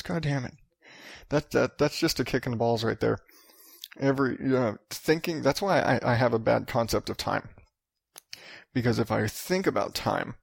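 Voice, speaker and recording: A man's voice: mid-range voice, gravelly, no echo, clean studio sound. A man in his thirties rambling through a casual solo podcast monologue, profane and self-mocking. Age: 30s. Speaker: podcast host.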